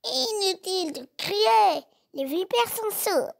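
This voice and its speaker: A woman voicing a wise, helpful sheep who calmly explains things to the cubs. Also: extremely high pitch, slow, vocal fry, voice pushed up, full character voice.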